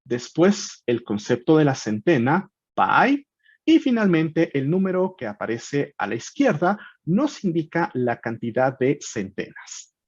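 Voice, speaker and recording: A man narrates a language lesson in a scripted, step-by-step way, his voice slightly husky and swinging lively up and down. The recording is dry and close. It sounds somewhat dull and lo-fi. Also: fairly high pitch, no echo. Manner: calm step-by-step explaining, spells out example sounds slowly. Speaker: language teacher.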